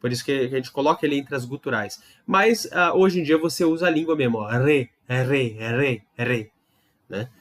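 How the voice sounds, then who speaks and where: A man with a slightly raised pitch talks students through an online language lesson. He explains patiently, sounds things out slowly and keeps asking if they follow. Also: animated. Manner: explains patiently with many tag questions and demonstrations. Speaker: Hebrew teacher.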